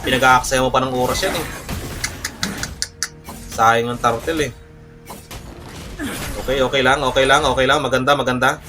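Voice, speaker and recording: A man's voice: medium pitch, normal speed, pauses often. A young man, commentating his own gameplay live with brash, cursing trash talk and boastful bragging. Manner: boastful, mock-calm refrains. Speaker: gaming streamer.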